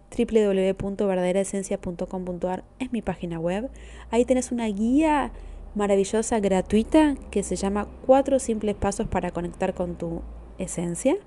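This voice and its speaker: A woman with an Argentine accent, a therapist hosting a podcast, gently encouraging the listener and speaking straight to them. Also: medium pitch. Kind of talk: motivational podcast monologue.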